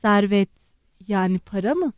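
A timid young prince in love stumbles through his answers in halting phrases, read by a woman. Close, dry storybook recording. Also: medium pitch, animated, clear, resonant tone, no room sound, dull audio, pitched below the performer's own voice, natural voice. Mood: hesitant. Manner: hesitant, halting.

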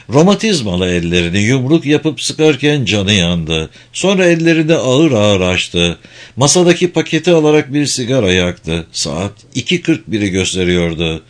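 A man reading an audiobook in a calm, measured narration. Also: mid-range voice.

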